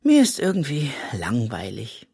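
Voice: medium pitch, wildly swooping pitch, unhurried, a little mellow, slightly rough, heavily acted. A reader voicing a curious, easily bored young girl in a children's audiobook, asking questions with sighs.

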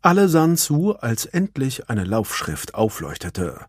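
A man narrating a children's storybook in an expressive voice. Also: mid-range voice, unhurried, breathy edge, dry recording, clean studio sound. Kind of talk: storybook reading.

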